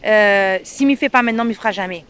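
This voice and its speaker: A woman from Réunion with a Réunionnais French accent, speaking as an interviewee and mother, animated and emphatic, often checking in with the listener. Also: medium pitch, fast. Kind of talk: casual interview.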